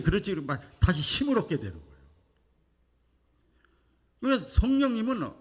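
A male pastor preaching a Sunday sermon with animated delivery, acting out quoted voices and swinging from quiet asides to loud declarations. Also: sits high. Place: church sanctuary. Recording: long church hall reverb.

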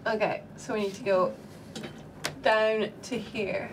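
A woman's voice: medium pitch, level tone, slow pace, distant mic, background noise. A woman chatting casually as a player at a tabletop game.

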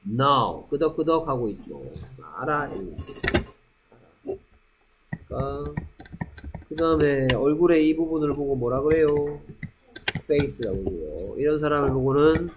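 Slow-drilling male English teacher. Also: fairly high pitch, lively intonation, noisy background. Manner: repeats English phrases slowly after Korean prompts. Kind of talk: classroom drill lesson. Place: classroom.

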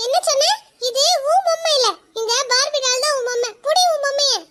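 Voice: extremely high pitch, fairly quick, sharp tone. Someone voicing a cheeky selfish cartoon boy. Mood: defiant. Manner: teasing and defiant. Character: cheeky young boy, selfish older brother.

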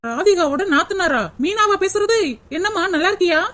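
A woman voicing a brisk, capable young daughter-in-law in a cartoon, quick and scolding. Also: very high-pitched. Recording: loud constant noise with clicks.

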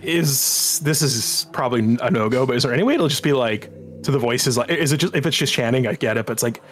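A man's voice: mid-range voice, quick pace, a little hiss or hum. A man chatting casually and playfully as a player in a tabletop game.

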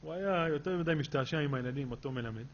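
A man, a rabbi, telling a story in a sermon and acting out his characters' dialogue in a lively way. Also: a little high. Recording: dull lo-fi recording with faint hum.

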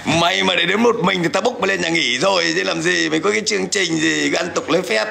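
A man fires off a livestream rant in a high, fast, bright voice that is gravelly and forceful. Coarse and taunting, he speaks to his viewers and mocks an absent rival.

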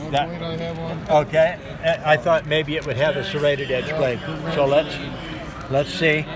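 A middle-aged man with a somewhat high voice gives a hands-on sales demo at a busy indoor gun show. He talks in steady, instructive patter and repeats the same simple tips. A crowd murmurs loudly behind him, recorded from a camera close by. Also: unhurried. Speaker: knife sharpening demonstrator. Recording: noisy crowded show floor. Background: crowd chatter.

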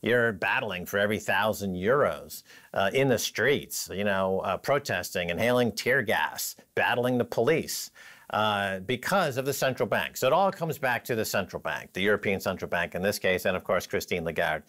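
A man's voice: expressive, moderate pace, fairly bright tone. A man co-hosting a finance talk show, giving sardonic, emphatic commentary in a studio. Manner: sardonic, emphatic, pitch swinging up and down.

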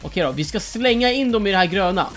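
Gamer, headset, loud and cocky, big swings in pitch, game music running behind. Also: expressive. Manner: shouty, boastful, trash-talking. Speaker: let's play gamer. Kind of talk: excited gameplay commentary.

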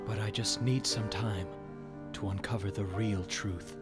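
An actor playing a brooding, tormented hedgehog antihero in a video game, with terse, intense, dramatic delivery. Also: male voice, fairly low pitch, fairly even intonation, a little slow, natural voice. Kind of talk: video game cutscene acting. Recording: game audio under loud music.

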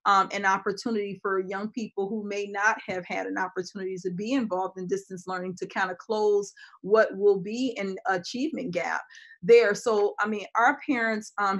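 A woman, a school district administrator answering questions in a virtual town hall over a video call, measured, with frequent ums. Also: mid-range voice, a bit bright. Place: home office with bookshelves.

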